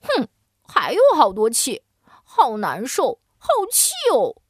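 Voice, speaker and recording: A woman's voice: high-pitched, lively intonation, normal speed, a bit bright, no echo, studio quality, pitched above the performer's own voice. A woman voicing a grumpy, pouting little boy piglet in a storybook. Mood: huffy. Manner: whiny, huffy, pouting.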